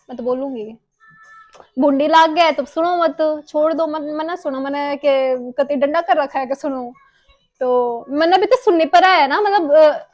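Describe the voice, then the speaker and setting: Chatty high-voiced Haryanvi woman vlogger. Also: no room sound, rough recording. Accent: Haryanvi-tinged Hindi. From Haryana, India. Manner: chatty, self-mocking, mixes in English phrases. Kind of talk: casual chat. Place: home kitchen and city streets.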